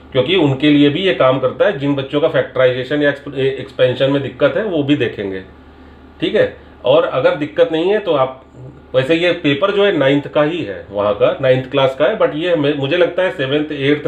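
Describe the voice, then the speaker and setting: Man, maths teacher, patient step-by-step explaining, slightly high voice, roomy echo. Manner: patient step-by-step explaining, mixing English terms. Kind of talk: Hindi-English maths lesson explaining a paper. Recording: echoey room sound.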